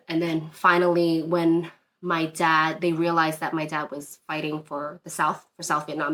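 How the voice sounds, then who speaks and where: A woman from Northern Virginia, a DJ appearing as a guest in a casual interview, tells a personal story in an earnest, rambling way with many fillers and restarts. Her voice is low-pitched with a fairly bright tone, and there is slight background noise.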